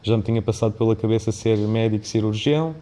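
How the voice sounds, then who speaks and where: Born in Mozambique into an Indian family, this man speaks with a European Portuguese accent in a dark, low-leaning voice, and he talks fast. As a business founder and CEO guesting on a podcast, he's reflective and discursive, often adding a tag question to check in.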